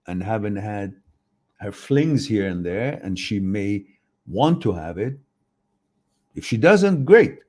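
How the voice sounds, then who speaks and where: A man's voice: fairly low pitch, warm tone. A man hosting a live chat, giving opinionated, rambling advice and reading out viewer questions. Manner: opinionated, rambling, acts out quoted voices. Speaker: host answering viewer questions.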